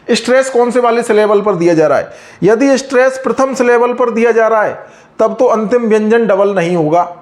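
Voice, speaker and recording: A man explains grammar rules like a teacher. He speaks patiently and drags out example words slowly so each sound comes through. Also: sits high, darkish tone. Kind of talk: explaining a lesson.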